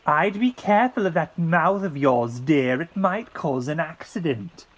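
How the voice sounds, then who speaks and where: A man's voice: a little high, animated, measured pace, pitched above the performer's own voice. A man voicing a prim, easily offended female diesel railcar in a storybook reading. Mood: indignant. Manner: proper, indignant.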